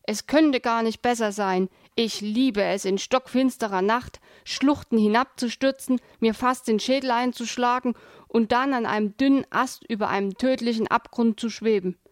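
A woman putting on a cranky little male hamster, sarcastic and whiny, in a storybook reading. The voice is pushed a bit higher than her narration and sounds dry and close. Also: moderate pace, a little mellow, dry recording, close to an everyday voice. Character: grumpy sarcastic male hamster dangling in the dark.

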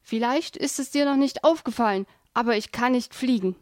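A woman putting on a cranky little male hamster, sarcastic and whiny, in a storybook reading. The voice is pushed a bit higher than her narration and sounds dry and close. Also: fairly quick, no room sound, lightly acted. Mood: anxious. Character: grumpy sarcastic male hamster dangling in the dark.

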